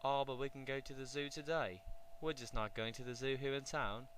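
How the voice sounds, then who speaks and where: A man voicing a jolly magical duck gentleman with a British accent in a children's storybook, polite and cheerful, over a faint hum. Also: mid-range voice, steady tone, brisk, pitched above the performer's own voice, close to an everyday voice, rough recording. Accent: British English.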